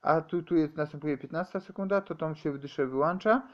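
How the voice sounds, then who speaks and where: A man giving a rambling, halting explanation, stumbling over words and restarting often. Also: fairly high pitch, lo-fi sound.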